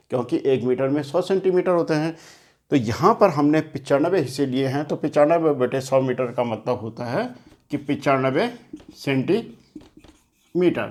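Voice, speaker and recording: Man teaching kids maths, slightly higher voice, patient, repeats points, writes on a board. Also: a little mellow. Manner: patient, explains step by step; repeats and rephrases key points. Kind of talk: classroom lesson for children. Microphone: talking while writing on a board.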